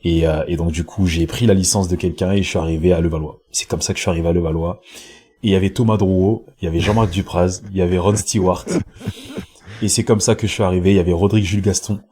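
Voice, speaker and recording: Speaking quickly in a deep, dark, steady voice, this man from Congo plays basketball professionally and is a guest in a casual podcast interview. He stumbles along with plenty of fillers and repetitions. The audio comes from his home podcast mic with a headset.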